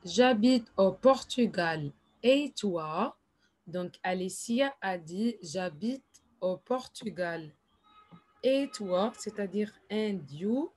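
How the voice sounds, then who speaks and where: A woman teaching in a slow, patient classroom explanation, repeating each phrase and adding English asides. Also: mid-range voice, expressive, darkish tone. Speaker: French teacher.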